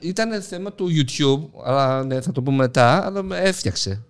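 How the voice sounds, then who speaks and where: Lively-voiced Greek man teasing his co-hosts. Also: on the high side, smooth. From Greece. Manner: teasing, joking banter. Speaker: podcast co-host. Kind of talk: casual chat.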